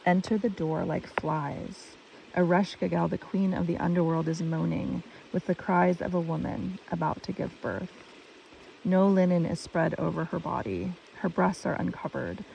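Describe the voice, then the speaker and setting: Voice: medium pitch, moderate pace, gravelly, darkish tone. A storyteller voicing a troubled father god giving solemn instructions. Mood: commanding. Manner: grave, lamenting. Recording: distant mic with stream noise.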